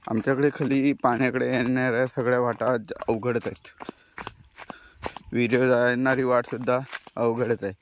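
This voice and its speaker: A man from the Konkan coast talks to his viewers in an easy, chatty way as he walks through a forest pasture. His pitch sits in an ordinary middle range. Faint outdoor noise and animal sounds are heard behind him. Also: normal speed. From Konkan, India. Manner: relaxed, chatty, addresses viewers directly. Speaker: village vlogger. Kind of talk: casual walking tour narration.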